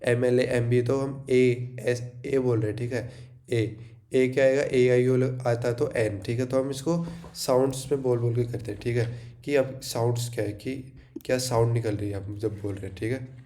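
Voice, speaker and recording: A man's voice: medium pitch, fairly even intonation, normal speed, dark tone, slight background noise. A young Indian man giving an exam revision lecture, mixing in English and often asking and then answering his own questions. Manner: checks in with frequent "theek hai", asks and answers own questions. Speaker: teacher.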